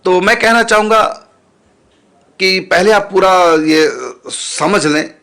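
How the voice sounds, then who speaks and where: A man with a somewhat high, bright voice gives a religious teaching talk. He explains pronunciation patiently, repeating syllables one by one in a measured, instructive way. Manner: patient, repeats sounds slowly for listeners. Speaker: spiritual teacher.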